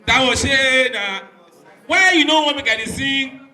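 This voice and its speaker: Male Nigerian comedy host, bright forceful voice, teasing crowd work, heard in a very echoey venue. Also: very high-pitched, a little slow. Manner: teasing, calling out to the audience. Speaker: stand-up comedian and show host. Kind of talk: crowd-work stand-up comedy, mixing English and Pidgin. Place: live comedy venue with an audience. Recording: echoey venue, distant stage sound.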